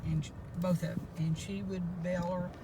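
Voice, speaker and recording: Loud vehicle noise surrounds an older woman. She sits a little way from the mic and tells a casual, folksy story, rambling along as she goes. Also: lowish voice, flat delivery, normal speed. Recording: loud car and road noise, distant mic.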